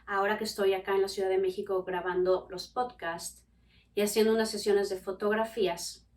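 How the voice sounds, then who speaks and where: A woman's voice: medium pitch, brisk, distant mic. A woman, a podcast host and family coach telling personal stories to her listeners, acting out the voices she quotes. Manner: expressive, acts out quoted voices.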